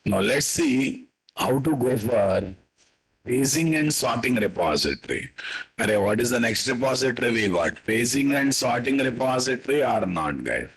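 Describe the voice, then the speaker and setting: A man with a Telugu-influenced Indian accent and a husky voice, teaching a live coding lesson as an instructor, repeating his statements and quizzing listeners with tag questions. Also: medium pitch, very animated, normal speed, low-quality recording. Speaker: programming instructor.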